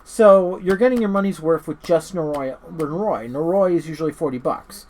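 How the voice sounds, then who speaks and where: A man with a fairly high, slightly mellow voice talks at a normal pace. He hosts a horror movie review channel, and this casual, unscripted review rambles, with frequent stammering and self-interruptions.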